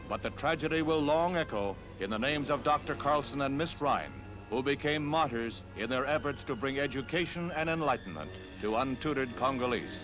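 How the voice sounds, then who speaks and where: A man's voice: a little high, rough recording. A man giving grave, dramatic announcer narration for an old 1960s archival newsreel. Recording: narration over loud newsreel music.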